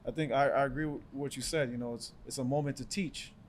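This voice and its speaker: A man's voice: medium pitch, steady tone, quick pace, a little hiss or hum. A young adult man from Jamaica, a podcast co-host talking things through in a reflective, filler-heavy way. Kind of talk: casual chat.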